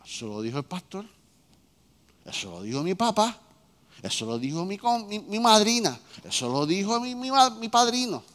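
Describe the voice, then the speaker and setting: A man preaching a sermon as a pastor, swinging between loud, fervent peaks and quiet, low lines. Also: big pitch swings, moderate pace, long reverb tail.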